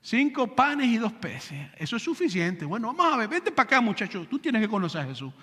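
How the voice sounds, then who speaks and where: A man voicing an eager apostle, urging and excited, as he brings a boy to his teacher. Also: high-pitched, a little fast, breathy edge, big-room sound, exaggerated voice.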